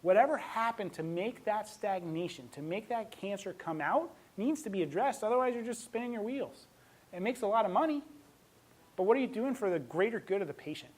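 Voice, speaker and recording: A man's voice: high voice, expressive, fairly quick, low-quality recording. A man, a veterinarian, giving a talk to an audience, telling stories with emotion and laughing often.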